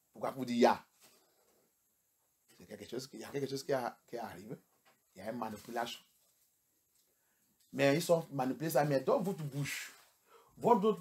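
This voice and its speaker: Man preaching a bilingual sermon. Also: mid-range voice. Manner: switches between English and French, rising to shouts; rhetorical questions to the congregation. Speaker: pastor.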